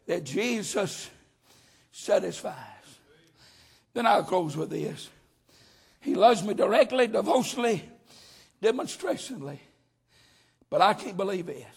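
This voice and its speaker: Male preacher, very high gravelly voice, hollers his sermon in a rising cadence.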